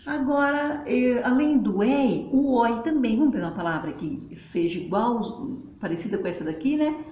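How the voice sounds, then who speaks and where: A woman's voice: fairly high pitch, a little mellow, highs cut off. Woman, teacher, patient, spells things out, roomy sound. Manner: patient, chatty, repeats and spells out syllables. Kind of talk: casual classroom explanation. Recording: roomy, faint background noise.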